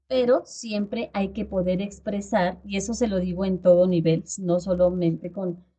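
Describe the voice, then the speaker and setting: Instructor, female, warm low-toned delivery, explanatory video-call lecture with frequent check-ins. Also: steady tone, a little slow, dull audio.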